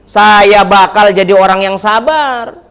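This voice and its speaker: A man voicing a devout, patient young son of a prophet, speaking slowly and earnestly. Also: high voice, fairly bright tone, clean tone, in a large hall, full character voice. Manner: slow, earnest quoting.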